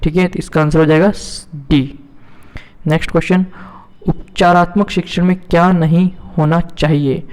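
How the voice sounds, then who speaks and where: Guy teaching exam prep, keeps asking the question again then answers it, smooth voice, lots of reverb. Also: fairly high pitch, steady tone, normal speed, darkish tone. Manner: repeats each question, asks and answers it himself. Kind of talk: exam-prep lesson, reading out and explaining multiple-choice questions. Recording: hall reverb.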